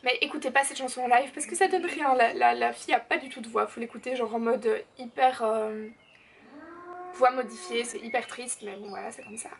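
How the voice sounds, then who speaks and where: Bubbly high-voiced teen girl. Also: fairly even intonation, fairly quick, vocal fry. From Belgium. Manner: chatty and bubbly, lots of fillers and "genre". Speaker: YouTuber answering viewer questions. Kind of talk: casual Q&A vlog. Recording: slightly distant mic, faint background noise.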